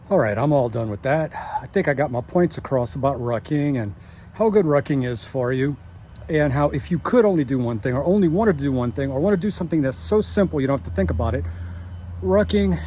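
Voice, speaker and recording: A man's voice: mid-range voice, animated, brisk, a little mellow. A man in his fifties talking casually to camera during outdoor exercise, out of breath and speaking with a missing front tooth. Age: 50s. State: winded, out of breath. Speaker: fitness vlogger. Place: outdoors on a walking route. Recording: outdoor noise, passing vehicle sounds.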